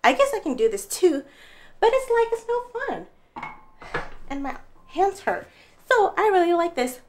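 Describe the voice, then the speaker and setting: A woman's voice: extremely high pitch, huge pitch swings, moderate pace, background noise. A young woman doing a casual, upbeat product review in her living room, chatting straight to the viewers. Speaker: home fitness vlogger. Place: bright living room at home.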